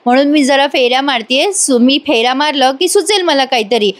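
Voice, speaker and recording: A woman's voice: high-pitched, a little fast, close to an everyday voice. A woman voicing a fiery, stubborn young woman who is a designer, talking back in a defiant way. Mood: quarrelsome. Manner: quarrelsome, defiant.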